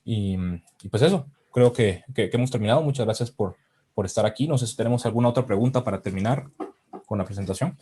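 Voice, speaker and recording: A man with a low, mellow voice runs a live technical demo. He thinks aloud and often restarts his sentences as he types commands. Faint keyboard clicks sit behind him. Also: slight background noise. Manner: halting, frequent restarts while typing commands. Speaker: presenter giving a live demo.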